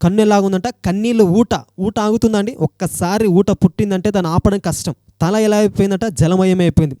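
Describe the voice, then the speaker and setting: A man's voice: high-pitched, fairly even intonation, brisk, mellow, no echo, studio quality. A male preacher with a Telugu accent, delivering an earnest sermon and pleading with his listeners through repeated rhetorical questions.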